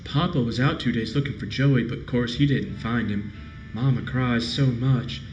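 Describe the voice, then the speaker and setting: A man's voice: mid-range voice, normal speed, darkish tone, reverberant, highs cut off, faint music behind, close to an everyday voice. A man reading a game diary as a frightened young frontier girl, with plain, folksy, childlike phrasing. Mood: uneasy, sad. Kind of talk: game diary read aloud.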